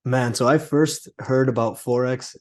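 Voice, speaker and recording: Guest in his twenties, from Cuba, relaxed and conversational, ordinary middle-range voice. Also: mid-range voice, unhurried. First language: Spanish. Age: 20s. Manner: relaxed, chatty, laughs easily, many "like"s. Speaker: guest, trader. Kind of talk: casual podcast interview.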